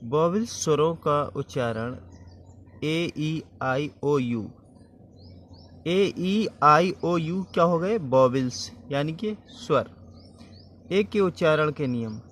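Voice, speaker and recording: A man's voice: fairly high pitch, animated, slow pace, a bit bright, slight background noise. A man teaching English vowel sounds, spelling words out letter by letter and repeating them.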